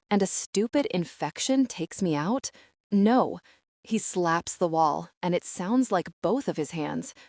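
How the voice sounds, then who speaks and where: A woman with a lowish voice reads a first-person audiobook. Her delivery is intimate and emotional, with soft dips. The close studio recording is dry, with almost no room sound. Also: no echo. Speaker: audiobook narrator.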